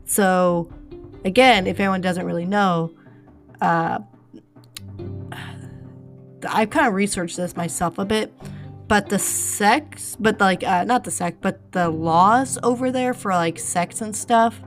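A woman's voice: mid-range voice, unhurried, faint music behind. A woman reading a true-crime script with casual asides, stumbling often, apologizing and using many fillers, with the hiccups.

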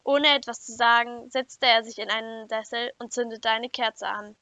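A woman reading a first-person children's story aloud in an even, clear storytelling manner. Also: a little high, normal speed, no echo. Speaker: story reader. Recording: dull lo-fi dry recording.

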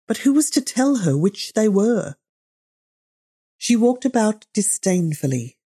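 A woman narrates an audiobook in a measured, gently ironic way. Her voice sits low and mellow, with a husky grain.

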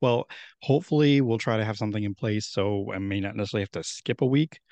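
Low-voiced man casually hosting a podcast. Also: quick pace, darkish tone, dry recording. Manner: rambling, friendly, with many restarts. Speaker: podcast host.

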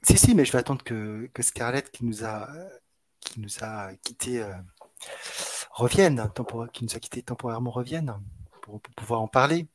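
A man's voice: medium pitch, moderate pace, slight background noise. A man co-hosting an online podcast, talking casually with many fillers and restarts. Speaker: podcast co-host.

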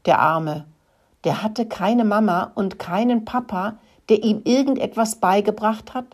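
A woman's voice: medium pitch, a little slow, a little mellow, husky, voice pushed up. A woman voicing a tender-hearted little girl mouse in a storybook reading. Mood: sympathetic.

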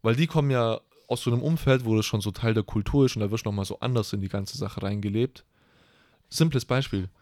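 A man's voice: lowish voice, fast talker, darkish tone, no echo, clean studio sound. A young man chatting casually and crudely as a podcast co-host, rambling and joking. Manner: loose, rambling, crude humor. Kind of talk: casual slangy chat.

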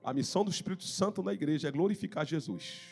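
A man from Brazil preaching a fervent Pentecostal sermon in church, telling his own testimony and rising into shouted exhortation. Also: a little high, expressive, fast, vocal fry, soft background music. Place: church service.

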